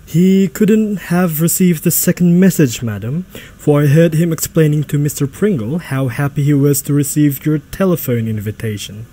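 Man as a mellow, deferential butler. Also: on the high side, normal speed, natural voice. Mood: hesitant, apologetic. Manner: polite, formal. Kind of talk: radio drama acting.

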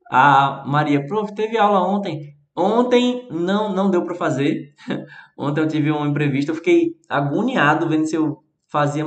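Brazilian male English teacher, high-pitched, casual live chat delivery, roomy echo. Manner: chatty, reads chat messages aloud and answers them. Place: alone at home, livestreaming. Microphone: phone.

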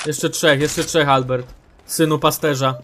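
A man giving excitable live commentary on his own shooter match, shouting callouts, swearing and mocking his teammates. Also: a little high, a little slow, background noise.

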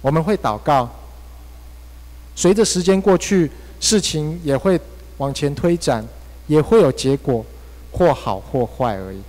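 A man's voice: on the high side, animated, measured pace, pauses often, a little mellow. A male pastor with a Taiwanese Mandarin accent preaching a sermon, telling a personal story with emotional swings. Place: church hall. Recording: long church hall reverb.

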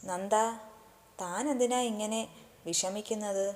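Storybook: reserved young male boss, quiet and tender, as a woman narrator puts him on, mellow. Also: medium pitch, measured pace, natural voice. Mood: musing.

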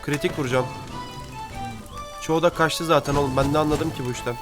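A man's voice: a little high, fairly even intonation, fairly quick. Young man chatting over a game. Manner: chatty, talks to the game mobs, slangy. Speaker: gaming YouTuber. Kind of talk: casual let's-play commentary. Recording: music faint behind voice.

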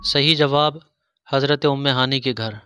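A man reading religious quiz questions, pausing over each option before he gives the answer. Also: mid-range voice, steady tone, sharp tone, faint music behind. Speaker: quiz host. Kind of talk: scripted quiz narration.

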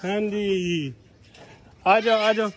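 A man hosting a casual pet vlog, excited and laughing as he talks to a new animal. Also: high-pitched, drawn-out words, a little hiss or hum. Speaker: vlog host.

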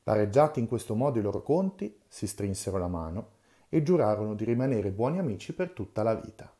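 A man's voice: lowish voice, sing-song, brisk, dark tone. A man reading the first chapter of a classic children's novel aloud, in a storyteller's manner. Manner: storyteller's reading, dramatic in the quarrels. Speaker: reader.

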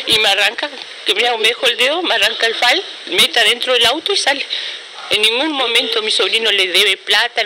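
A woman's voice: a little high, bright, forceful tone. A middle-aged woman with an Argentine accent, the victim's aunt, telling what happened in an urgent, repetitive way with many restarts, interviewed outdoors. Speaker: victim's aunt giving testimony. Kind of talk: street interview. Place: outdoor courtyard by a building. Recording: noisy outdoor news footage.

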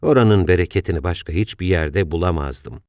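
A man voicing a kindly, pious engineer in his sixties who speaks in a gentle, grateful, soft way. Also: low voice, a little fast, no room sound, studio quality, lightly acted. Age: 60s.

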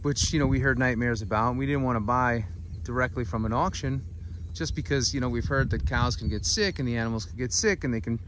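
Rambling farmer outdoors in a pasture. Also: male voice, mid-range voice, a little fast, hardly any pauses, fairly bright tone, a little hiss or hum. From United States. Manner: rambling storytelling with many fillers. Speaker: farmer and channel host. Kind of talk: casual walk-and-talk vlog. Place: outdoors in a farm pasture with cattle.

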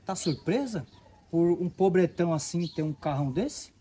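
A man's voice: fairly high pitch, expressive, moderate pace, dark tone, slightly rough. A man with a Brazilian accent playing a humble, patient man who lectures a rude girl in an amateur skit. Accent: Brazilian Portuguese. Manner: patient, moralizing. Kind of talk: amateur comedy skit acting.

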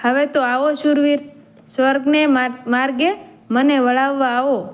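A woman's voice: high voice, little pitch movement, a little slow. A woman storyteller voicing a bold young male warrior chieftain who scorns death, speaking in proud, defiant declarations.

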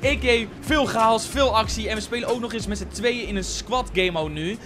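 A young man from the Netherlands doing excitable let's play commentary as a gaming YouTuber, dropping English slang and swearing. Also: high voice, fairly quick, over music.

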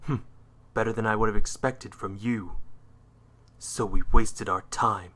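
A man's voice: on the low side, fairly even intonation, a little slow, sharp tone. A man voicing a brooding, edgy hedgehog antihero in a cartoon style, proud and menacing, with a curt, scornful delivery. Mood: dry, aloof. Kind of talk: fan character voice reel, dramatic cartoon acting.

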